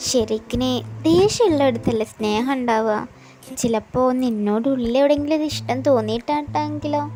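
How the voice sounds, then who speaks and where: A woman voicing a fussy, affectionate middle-aged mother in an amateur audio drama, talking in an animated, teasing way. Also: sits high, natural voice. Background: background music.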